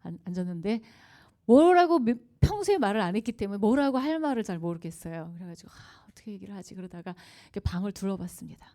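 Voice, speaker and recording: A woman's voice: mid-range voice, very animated, fast, mellow. A woman giving a conversational lecture at a church revival meeting, telling anecdotes, questioning the audience and laughing often. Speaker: guest speaker at a revival meeting. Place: church service before a congregation.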